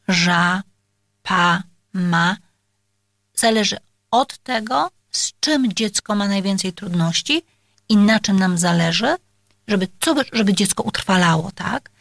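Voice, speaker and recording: A woman's voice: mid-range voice, animated, normal speed, dry recording, studio quality. A woman speech therapist explaining exercises to parents, talking with many hesitations and filler sounds and addressing her listeners politely.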